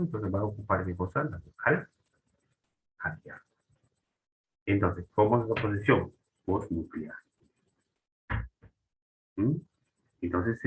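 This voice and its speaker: A man's voice: lowish voice, poor audio. A man teaching a grammar lesson, often restarting and checking in with short questions.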